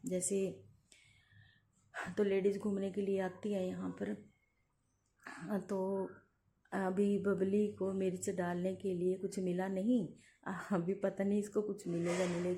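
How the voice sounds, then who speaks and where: A woman walks through open village fields, filming on her phone and chatting in a meandering way as she points things out. Her voice is mellow and fairly flat in pitch. A faint outdoor hum sits behind her. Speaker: vlogger. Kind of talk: casual walking vlog narration.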